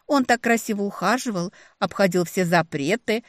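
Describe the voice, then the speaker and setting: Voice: mid-range voice, sing-song, brisk, dry recording, studio quality, voice pushed up, close to an everyday voice. A reader voicing a naive young woman, a lovestruck younger sister who gushes in baby talk. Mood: gushing. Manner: lisping baby-talk gush.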